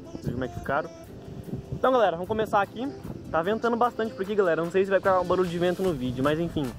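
A man's voice: high-pitched, animated, very fast, over music. A Brazilian man giving a casual, improvised vlog rundown of gear, informal and correcting himself as he goes, recorded outdoors on a handheld phone. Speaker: bike owner presenting a gear check. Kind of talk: casual vlog commentary, listing parts.

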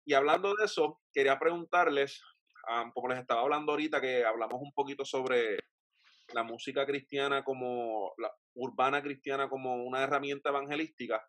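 Young Puerto Rican male host, middle pitch, dry webcam sound, long, winding questions. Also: fairly quick, fairly bright tone, no room sound. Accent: Puerto Rican Spanish. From Puerto Rico. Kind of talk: casual interview over video call. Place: home room with bookshelves, indoors. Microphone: webcam on a video call.

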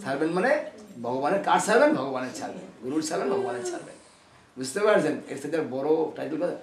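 Emphatic Bengali preacher in an echoey hall. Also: male voice, high voice, far from the mic. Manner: emphatic, keeps asking the listeners if they understand; lively, laughs through parts of his talk. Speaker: guru giving a religious talk. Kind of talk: sermon. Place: temple hall.

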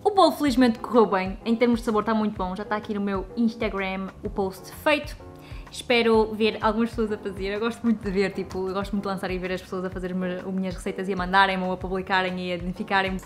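A young woman with a European Portuguese accent, chatting excitedly in a casual vlog filmed on a handheld camera. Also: medium pitch, fast, faint music behind. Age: young adult. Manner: chatty, excitable, talks to her cat. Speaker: vlogger. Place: home kitchen and garden.

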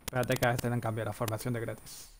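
A man's voice: mid-range voice, little pitch movement, noisy background. A man streaming live play-by-play commentary on a football video game, rattling off player names and breaking into long goal cries. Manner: rapid name-calling, bursts into drawn-out goal cries.

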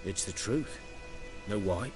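An actor playing a grim, world-weary village huntsman in a fantasy video game, speaking in a rustic, deliberate, bitter way. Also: fairly low pitch. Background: loud game music.

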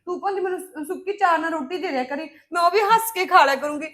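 A woman's voice: extremely high pitch, fast talker, a bit bright. A woman with a Punjabi accent playing a remorseful sister-in-law who apologizes to her family in a drama. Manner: apologetic, pleading. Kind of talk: scripted family drama acting.

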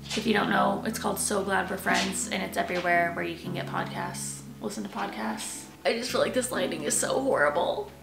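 Slightly fast and gravelly in a mid-range voice, a lifestyle vlogger in her twenties with an American accent rambles informally at home, often interrupting herself. Music plays beneath, and the bare rooms make it echoey.

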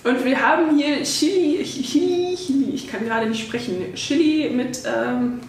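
A woman's voice: sits high, moderate pace. Young woman host, giggly and chatty, distant mic in an echoey room with some noise. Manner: giggly, chatty, lots of fillers. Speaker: channel host. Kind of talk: casual snack-tasting chat. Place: indoor studio set at a table.

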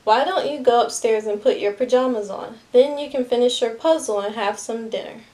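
A woman voicing a gently teasing mother. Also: on the high side, moderate pace, far from the mic, natural voice, rough recording.

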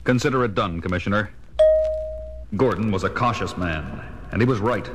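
For a 1970s children's audio drama, a male actor with an American accent plays a stern, resolute crime-fighting detective, speaking formally and measuredly in a voice close to his everyday one. Loud music plays over him, and the old vinyl is noisy with background rumble.

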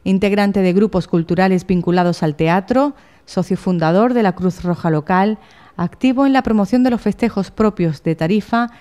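A woman's voice: fairly low pitch, warm tone. A woman reading scripted news narration as a reporter.

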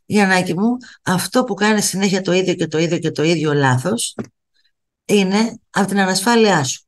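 A woman's voice: on the low side, lively intonation. Emphatic woman coaching her viewers. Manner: emphatic, repeats phrases for effect; addresses viewers directly as kids. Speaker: motivational coach. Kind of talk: motivational talk to viewers.

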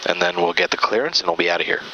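A man's voice: rapid-fire, muffled recording, heavy background noise. A man, a pilot, casually narrating each step for viewers from inside a small plane's cockpit. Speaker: pilot and vlog host.

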